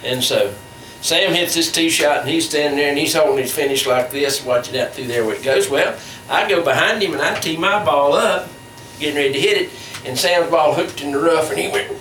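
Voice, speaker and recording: Bright older man, echoey low-quality stream. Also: a little fast, hardly any pauses. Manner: animated, chuckling storyteller. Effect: low-quality stream audio. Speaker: family storyteller. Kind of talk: casual anecdote. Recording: echoey room, faint background noise.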